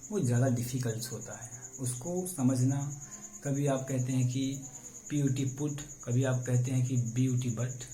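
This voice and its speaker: A man teaching an English grammar lesson in a very dark, mellow voice, walking through each rule step by step and answering his own questions. The room is echoey, with faint insect chirping in the background. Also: mid-range voice, slight background noise. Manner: explains step by step, asks questions and answers them himself.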